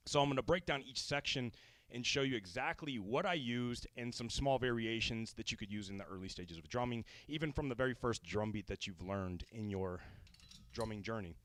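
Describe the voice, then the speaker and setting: A man teaching drums on a livestream, easygoing and chatty, calling out viewers by name between explanations. He sounds a little winded, and his voice is mid-pitched and recorded dry, with no room echo. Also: fairly bright tone. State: a little out of breath. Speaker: drum teacher hosting a livestream. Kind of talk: casual livestream drum lesson.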